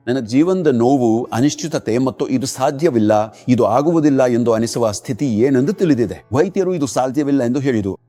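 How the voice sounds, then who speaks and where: This dubbed sermon voice-over comes from a man with a mellow, medium-pitched voice. He preaches earnestly, issuing commands again and again.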